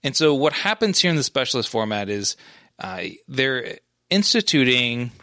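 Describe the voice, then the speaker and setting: A man's voice: medium pitch, very animated, normal speed, pushed and bright, no room sound, studio quality. A man co-hosting a casual gaming podcast, explaining things in a rambling way with lots of restarts. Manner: rambling, many restarts and fillers. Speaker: podcast co-host. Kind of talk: casual esports chat.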